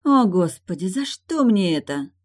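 A woman's voice: on the low side, sing-song, pitched above the performer's own voice. A woman voicing a stubborn, teasing young wife and new mother in an audiobook, raised well above her own voice. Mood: exasperated. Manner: quick-tempered, teasing.

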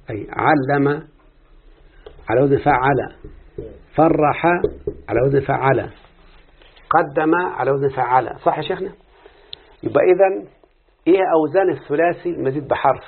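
An Egyptian man teaches Arabic morphology in a classroom, quizzing students, hearing their answers and slowly repeating word patterns. His voice is a little high and husky with vocal fry, and the recording is tinny and lo-fi, like a phone.

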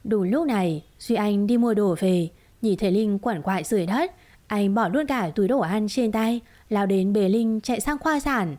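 A woman reading a romance drama story aloud in a steady, dramatic storytelling manner. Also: medium pitch, moderate pace. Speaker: narrator. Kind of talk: scripted story narration.

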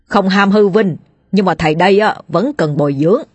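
A woman's voice: mid-range voice, a little fast, breathy edge, no echo, close to an everyday voice. A woman voicing a cheeky, shameless old man who chatters and nags. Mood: sly. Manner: chattering and nagging.

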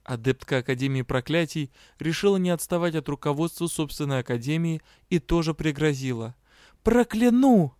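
A man narrating a fantasy audiobook with an even, clear reading. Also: on the high side, a little fast, hardly any pauses, dry recording, studio quality.

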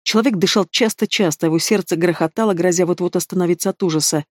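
Steady audiobook narrator, dry sound. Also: medium pitch, fast, no echo. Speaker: audiobook reader. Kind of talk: scripted fantasy narration.

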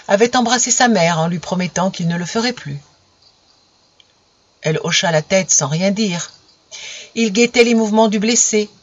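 A woman's voice: medium pitch, no echo. Woman reading a story aloud. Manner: steady storytelling with small slips. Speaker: reader. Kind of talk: audiobook narration. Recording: dull lo-fi recording.

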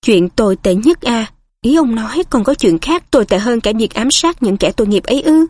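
A woman's voice: fairly high pitch, animated, fairly quick, darkish tone. A woman voicing a chatty, confiding woman innkeeper in a storybook reading.

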